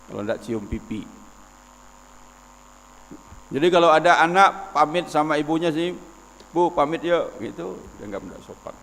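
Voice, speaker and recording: A man's voice: fairly high pitch, lively intonation, moderate pace, gravelly, pauses often, a bit bright, in a large hall. A man, giving a religious lecture in an explanatory, folksy way with personal stories. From West Sumatra, Indonesia. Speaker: Islamic preacher.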